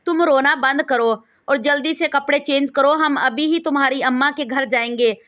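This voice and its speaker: A woman's voice: sits high, fairly bright tone. A woman reading as a stern rich husband. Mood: firm.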